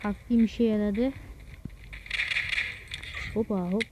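A young man hosting a mobile gaming channel, giving excitable, casual commentary while he plays and talks to his viewers. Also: high voice, takes it slowly, muffled recording, background noise. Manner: excitable, keeps urging "vur vur" at enemies and talking to viewers. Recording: loud game sound effects behind the voice.

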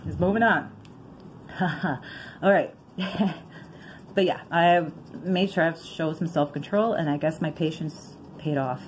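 A woman vlogging in a casual, chatty way, excitable and giggly, rambling and thinking aloud as she reads out numbers. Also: low-pitched, takes it slowly, pauses often, a little hiss or hum. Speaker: vlogger scratching lottery tickets.

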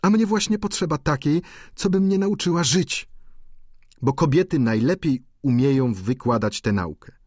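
A man's voice: fairly high pitch, expressive, moderate pace, a little mellow, breathy edge, no room sound, studio quality, voice pushed up. A man voicing an ambitious, earnest young student in an audiobook, with an eager manner.

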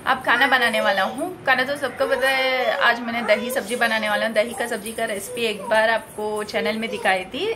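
A young woman talking to her toddler and her viewers at home in a casual vlog, coaxing and playful, mixing Hindi and English. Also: a little high. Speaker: vlogger and mother. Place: home kitchen. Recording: home video with clear background noise.

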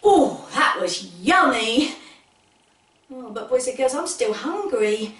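A high-voiced woman plays kids show host, exaggerated and playful as she talks to little ones. Her delivery is slow and sing-song, moving between storytelling and sing-along. She is heard from a distance in a roomy living room. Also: lively intonation, a bit bright. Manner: exaggerated, playful, addresses young children directly. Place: living room with wooden floor. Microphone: camera a few metres away. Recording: roomy, distant mic, music behind.

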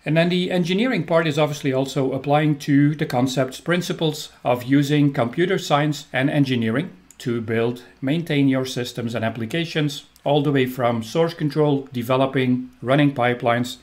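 With a medium pitch, normal speed and hardly any pauses, a middle-aged man from Belgium presents technical material as a trainer in a recording. His Belgian-accented delivery is upbeat and enthusiastic, full of ums.

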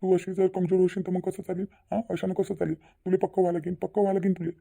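A stern, protective village father in a cartoon, speaking. He is firm and repeats his orders. His voice is very dark and gravelly, and he talks quickly. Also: medium pitch, flat delivery. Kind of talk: cartoon voice acting.

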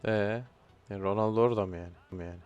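The audio is dull and very noisy as a young man with a low, steady voice talks very fast while playing a football video game. A gaming YouTuber, he gives casual live commentary, often exploding in frustration and swearing at his players.

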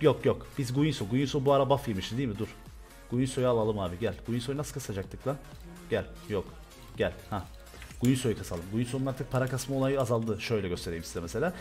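A young man from Turkey commentating loudly and excitedly on his own gameplay, swearing and shouting at the game. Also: mid-range voice. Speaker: gaming streamer.

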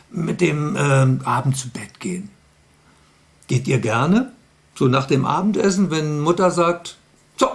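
Male children's storyteller: slow, gravelly, playful, addresses the kids directly. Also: a little high. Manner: playful, chatty, asks the kids questions.

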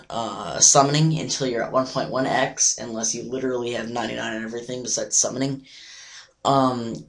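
A man hosting a gaming video with a hoarse, sore-throat voice that sounds half gone. It is gravelly and creaky at a medium pitch. He rambles casually through tips, hesitating as he thinks aloud. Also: low-quality recording. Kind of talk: casual game tips commentary.

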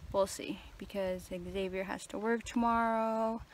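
A young woman talks to her viewers in an easygoing, unhurried way, filming herself on a handheld camera. She is outdoors by a lake, and there is a faint hiss behind her voice. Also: mid-range voice, steady tone. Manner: chatty, addresses viewers directly. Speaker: vlogger. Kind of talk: casual vlog to camera.

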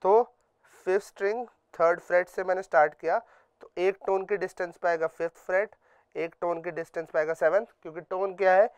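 A man's voice: high voice, steady tone, a little fast, smooth. A man teaching a guitar class. He patiently goes over each point again and again and keeps checking in with his students. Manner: patient, drills points by repeating them. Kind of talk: music lesson. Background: faint guitar playing.

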